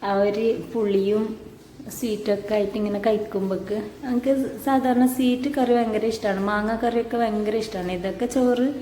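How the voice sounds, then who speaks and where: A young woman narrates a casual home vlog, chatting to her viewers as "guys" in an easy, running way. She speaks at a middle pitch and films on a handheld phone. The room is echoey, with clear background noise throughout. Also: steady tone, a little fast, dark tone. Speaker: vlogger and mother. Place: home and car, indoors.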